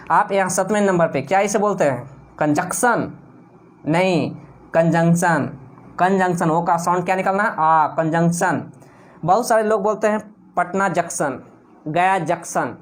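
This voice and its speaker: A man gives an English grammar video lecture. He drills students by asking questions and answering them himself. He is insistent, and keeps correcting words slowly and repeating them. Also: high voice. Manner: corrective, insistent about pronunciation. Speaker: English teacher.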